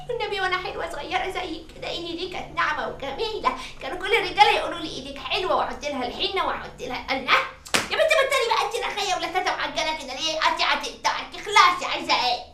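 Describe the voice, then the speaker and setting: Shrill old egyptian granny, vain and cackly, talks fast, echoey room. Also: female voice, animated, sharp tone, a little hiss or hum, heavily acted. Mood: fussing. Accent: Egyptian Arabic. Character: vain, boastful old grandmother who thinks men want her. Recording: roomy echoey set.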